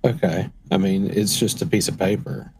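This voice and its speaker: A man's voice: low-pitched, fairly even intonation, moderate pace, noisy background. A man playing a tabletop game, asking questions and thinking aloud casually. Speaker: player. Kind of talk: casual tabletop role-play.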